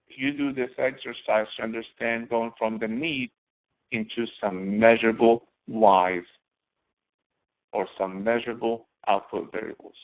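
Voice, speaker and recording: Speaking in a gravelly, fairly low voice, a man teaches as a course instructor, explaining each step and posing questions he goes on to answer. The recording has a narrow, phone-like quality.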